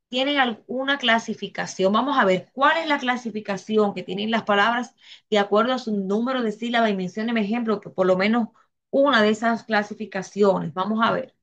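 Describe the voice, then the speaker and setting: A woman's voice: mid-range voice, a bit bright. Dominican woman teacher asking the class questions. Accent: Dominican Spanish. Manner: slow, repeats herself, asks the class questions. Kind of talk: classroom grammar lesson.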